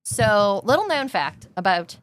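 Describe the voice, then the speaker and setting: A young adult woman co-hosting a podcast, telling an animated story with frequent laughter. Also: mid-range voice, a little slow. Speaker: podcast co-host. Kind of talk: casual chat.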